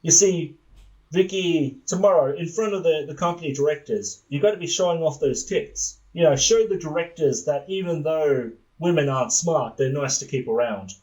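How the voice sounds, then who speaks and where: A man's voice: fairly high pitch, moderate pace, darkish tone, close to an everyday voice, low-quality recording. A man playing a sleazy, sexist corporate boss with a leering, condescending manner in a comedic table read. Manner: leering, condescending, explains everything.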